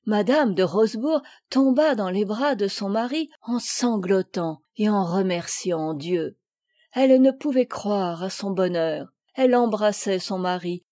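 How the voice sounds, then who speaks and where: A woman reading a classic children's novel aloud in scripted narration, with an even, measured delivery. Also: mid-range voice, dry recording, studio quality. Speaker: audiobook reader.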